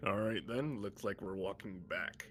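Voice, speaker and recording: A man's voice: lowish voice, normal speed, fairly bright tone. A man chatting casually as a player in a tabletop game. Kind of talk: casual chat during a game. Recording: clear background noise.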